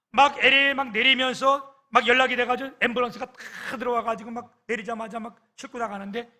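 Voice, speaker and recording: A man's voice: high voice, pushed and bright. A middle-aged male pastor preaching a sermon, telling a personal story with emotional swings and acted-out quotes.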